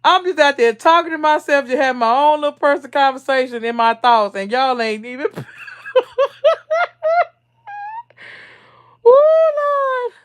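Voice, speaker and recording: A woman's voice: sits high, fast, a bit bright, clear, resonant tone. A woman hosting her own livestream, chatting casually with viewers, reading their comments aloud and laughing often. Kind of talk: casual live chat.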